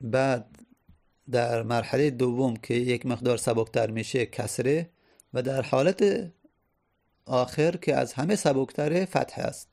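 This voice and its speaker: A man's voice: medium pitch, vocal fry, long pauses, a little mellow. A male teacher explaining grammar step by step. He repeats key phrases and sounds out vowels to demonstrate. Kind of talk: Arabic grammar lesson.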